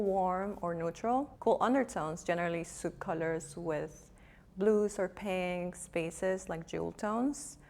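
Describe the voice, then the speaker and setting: A woman's voice: lowish voice, a little mellow. A woman speaking as a stylist, giving conversational, informal advice and explaining as she goes.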